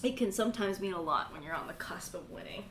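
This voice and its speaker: A woman's voice: medium pitch, expressive, quick pace, a bit bright. A woman casually narrating a tabletop game as game master, with an informal, sweary way of talking. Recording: roomy echo, faint noise.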